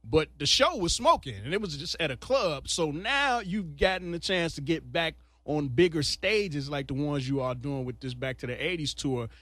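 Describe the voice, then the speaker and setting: Man, radio host, slightly high voice, dry studio sound, eager and chatty. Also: normal speed, few pauses, sharp tone, dry recording. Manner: eager, conversational, fan-like. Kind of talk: radio interview.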